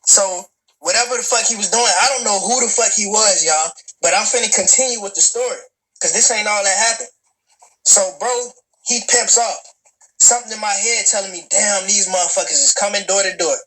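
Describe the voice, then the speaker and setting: Here a twenty-something man rambles through a long, profane personal story, stumbling over words, restarting, and addressing his listeners head-on. He speaks briskly in a high, pushed, bright voice. It's a rough recording.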